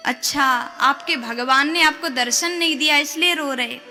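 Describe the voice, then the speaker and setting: Sweet divine girl coaxing softly, high bright voice, lady storyteller doing her. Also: normal speed, faint music behind. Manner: gentle, coaxing. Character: divine young woman, caring, playful.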